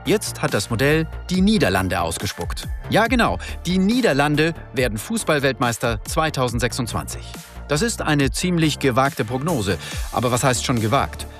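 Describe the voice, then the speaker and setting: Lively male explainer narrator. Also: mid-range voice. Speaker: reporter.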